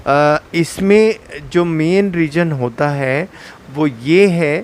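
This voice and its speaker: Calm middle-aged man explaining medicine. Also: fairly high pitch, drawn-out words. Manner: calm, explanatory, with frequent "uh" fillers. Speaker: ENT surgeon. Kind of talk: explaining to an interviewer. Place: hospital clinic room.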